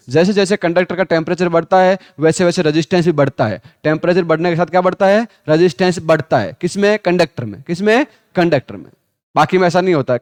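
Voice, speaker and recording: High-voiced Hindi physics teacher drilling students. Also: male voice, a little mellow, no room sound. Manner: quizzes students, repeats answers, calls them 'beta'; reads English textbook lines slowly. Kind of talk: classroom lecture with call-and-response drills.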